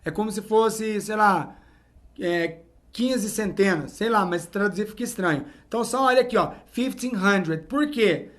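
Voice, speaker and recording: Guy with a high voice teaching at the board, keeps saying "então" and "ó". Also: moderate pace. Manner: explains step by step, repeating "então" and "ó". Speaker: English teacher. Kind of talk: whiteboard lesson.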